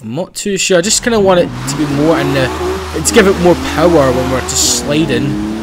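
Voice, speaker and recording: A Scottish man hosting his channel, giving casual commentary on a driving game, excitable and swearing freely. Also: a little high, a little fast. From Scotland. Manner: excitable, swears freely, loud outbursts and laughs while driving. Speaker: gaming channel host. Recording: loud game engine and tire noise behind voice. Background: racing game car engines and tire squeal.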